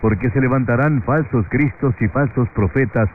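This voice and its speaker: A man teaching a radio sermon verse by verse, reading scripture in a steady, measured way, heard over a faint, distant AM radio broadcast. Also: mid-range voice. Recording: tinny radio reception with faint static.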